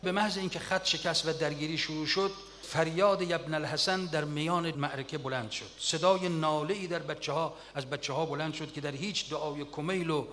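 A man's voice: a little high, steady tone, a little hiss or hum. Earnest man preaching in a reverberant hall. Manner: earnest, emotional retelling of wartime stories with swelling loudness. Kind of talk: sermon-style storytelling.

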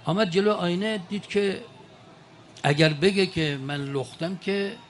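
Older male speaker, folksy storyteller, pitched high for a man, faint noise behind. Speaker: speaker addressing an audience. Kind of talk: colloquial storytelling speech.

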